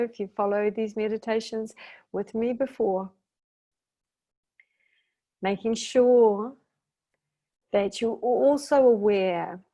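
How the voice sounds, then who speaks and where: A guided meditation teacher and intuitive therapist leads a meditation very slowly, her voice mid-range for a woman with a creaky edge. She speaks gently and soothingly in short instructional phrases, leaving long pauses between them.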